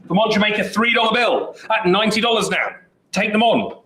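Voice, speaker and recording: A man calls bids in a high, lively voice, keeping up a brisk, joking patter. He sounds like a working auctioneer at a live sale. The recording is roomy, with clear echo from the saleroom. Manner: brisk, chatty bid-calling with jokes.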